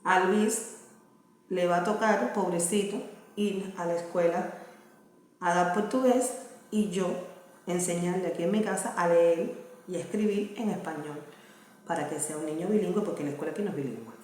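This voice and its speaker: This Cuban vlogger and mother, in her thirties, has a lowish, darkish voice and a moderate pace. She talks earnestly and casually to camera in Cuban Spanish, often asking "¿me entiendes?" to make sure you follow. The room is very echoey, with faint noise.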